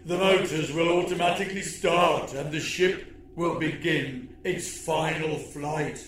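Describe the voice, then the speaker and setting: A man's voice: a little high, echoey room, a little hiss or hum. A man voicing a gloating male alien villain leader in a storybook reading, speaking with a sneering, mocking manner.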